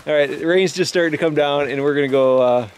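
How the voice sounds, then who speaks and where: A man's voice: a little high, quick pace, slight background noise. A man filming a fishing trip, narrating casually outdoors and trailing off with easy chuckles. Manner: laid-back, chuckling, trails off. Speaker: fishing vlogger. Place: outdoors by rivers and a lake.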